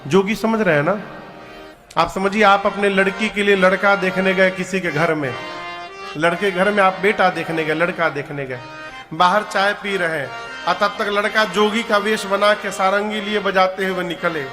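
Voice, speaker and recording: A man's voice: high voice, fairly even intonation, normal speed. A man telling a devotional scripture story as a sermon, singing verses and then explaining them in a chatty, joking way. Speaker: religious storyteller. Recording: sermon with background music.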